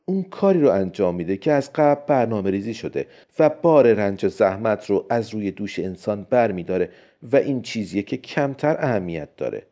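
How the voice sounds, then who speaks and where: A man voicing a calm, friendly male robotics expert who patiently reasons his case, in a storybook reading. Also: on the low side, voice pushed down. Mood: calm persuading. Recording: dull lo-fi recording.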